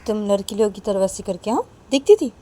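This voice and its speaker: A woman's voice: medium pitch, animated, fairly quick, warm tone, lightly acted. A woman voicing a jealous, hot-tempered young woman who scolds and nags. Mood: scolding. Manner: scolding, nagging with repeated "haan?". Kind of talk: storytelling role-play.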